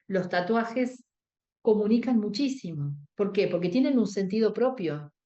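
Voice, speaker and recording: Unhurried and lively in intonation, a mid-range, mellow-voiced woman with a Rioplatense Spanish accent teaches emotional first aid in a workshop. Step by step, she explains, dramatizes quoted dialogue, and asks listeners if they agree. Highs are cut off.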